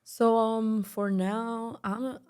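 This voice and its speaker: A young woman from Spain with a Spanish accent, a guest chatting casually in an interview. She talks softly and calmly and never raises her voice. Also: takes it slowly, clean tone. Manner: soft, low and calm, never raising her voice. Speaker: guest singer.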